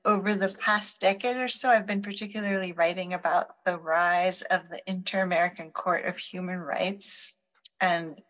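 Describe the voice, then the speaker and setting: Thoughtful lower-voiced woman professor. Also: fairly even intonation, a bit bright, rough recording. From Chile. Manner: thoughtful, measured, pauses to find words. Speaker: law professor, guest. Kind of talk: conversational interview answers.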